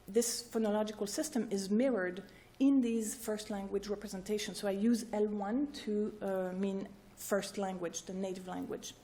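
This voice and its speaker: Mellow-voiced woman giving an academic talk. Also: medium pitch. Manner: explains step by step, often checks in with "right?" and "okay?". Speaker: researcher presenting at a workshop. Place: lecture room with an audience.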